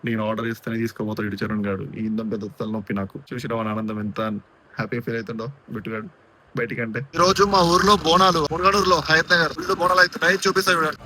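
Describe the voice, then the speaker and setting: A young man talks fast in a casual vlog, bossing and teasing a friend through retakes. His pitch sits in the middle, neither high nor low. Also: fairly even intonation, bright, forceful tone, slight background noise. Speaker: vlogger.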